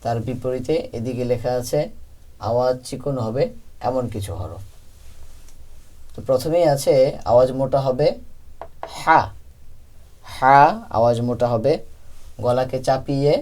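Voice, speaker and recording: A man's voice: mid-range voice, moderate pace, pauses often, warm tone. A man teaching Quran recitation, patiently explaining letter sounds and repeating each one for practice. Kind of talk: step-by-step pronunciation lesson.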